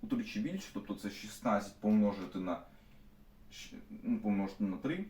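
Teacher, male, young adult, low voice. Explains problems step by step. Recorded from a distance in an echoey classroom. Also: normal speed, darkish tone. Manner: stops often to restate steps with fillers. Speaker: math teacher. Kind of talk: explaining math problems to students. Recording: echoey room, mic at a distance.

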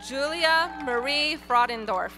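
A woman reading graduates' names one by one at an outdoor graduation ceremony, in a clear, measured announcing manner. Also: sits high, expressive. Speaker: graduation name reader. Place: outdoor stadium ceremony over PA.

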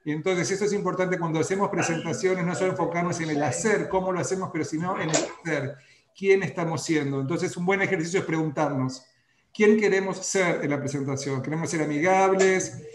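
A man's voice: fairly high pitch, brisk, roomy sound, noisy background. A man hosting an online webinar on a video call, reading out feedback and then explaining a point. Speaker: webinar host.

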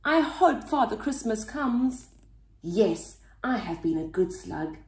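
Woman doing a keen little slug boy, earnest, bouncy pitch, slow, roomy sound. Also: vocal fry, exaggerated voice. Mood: eager. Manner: excited, earnest. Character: eager good-hearted little slug boy.

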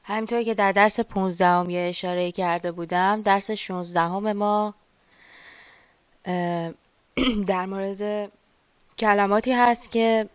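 Woman, online language teacher, patient explainer, crisp voice, dry sound. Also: medium pitch, steady tone, no echo. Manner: patient, explains slowly and repeats words.

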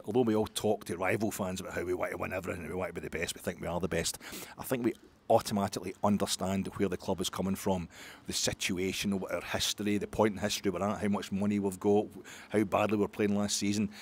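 A middle-aged Scottish man talks quickly in a lowish voice, rambling and restarting his sentences with sighs as he chats after a football match. A faint hum sits behind him. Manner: rambling, self-interrupting with many restarts and sighs. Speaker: podcast host. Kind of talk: post-match football chat.

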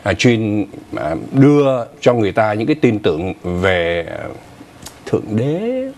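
Speaking a little slowly, this older news show co-host walks through the morning's stories in a relaxed, chatty way, breaking off for asides. His pitch rises and falls lively as he explains, and his lapel mic gives a clean sound in the TV studio.

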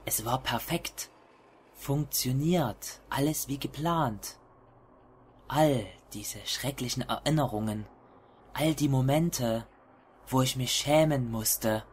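A man voicing a deranged narrator of a horror tale in a hushed, creeping delivery. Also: medium pitch, takes it slowly, slight background noise, natural voice. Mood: dark ecstasy. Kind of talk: scripted first-person horror narration.

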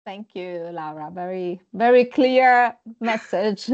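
Halting woman interviewer on a video call. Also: mid-range voice, expressive, darkish tone. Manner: hesitant, many pauses and fillers. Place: indoors at home. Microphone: headphones on a video call. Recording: dull lo-fi video call audio.

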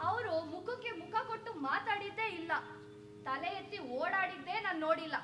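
A woman's voice: very high-pitched, a little fast, background noise. A woman acting the spirit of a dead young wife in a stage drama, speaking in a bitter, cutting, reproachful way. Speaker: stage actor. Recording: echoey stage sound.

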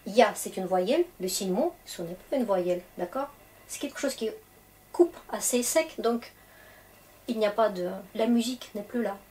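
A woman's voice: mid-range voice, expressive, normal speed, dark tone. A woman with a Russian accent teaching Russian grammar in French, explaining patiently and checking in often. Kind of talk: grammar lesson for French speakers.

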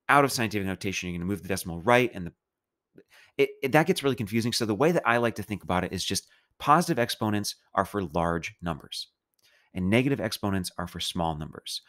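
A man's voice: low voice, fairly bright tone. A man teaching a recorded chemistry math lecture, explaining steps in a casual, playful way. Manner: casual, playful explaining with a loose, chatty delivery. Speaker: chemistry instructor.

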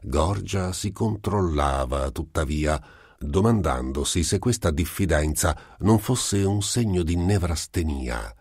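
A man reading a short story aloud as an amateur audiobook narrator, in a steady, measured way. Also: low-pitched, slightly rough, dry recording, studio quality. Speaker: audiobook reader.

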